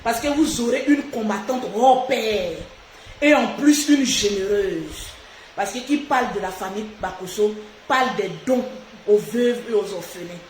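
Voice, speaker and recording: A woman hosts a casual live stream, speaking outspokenly and animatedly straight to her viewers. Her mid-range voice is darkish and measured in pace, recorded in an echoey room with faint noise.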